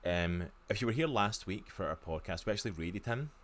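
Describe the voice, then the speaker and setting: Scottish man, 30s, Glasgow accent, very low voice, eager podcast co-host on a video call. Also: animated, a little fast, slight background noise. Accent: Glaswegian Scottish. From Scotland, near Glasgow. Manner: chatty and enthusiastic, lots of fillers. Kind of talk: casual podcast chat. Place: home room.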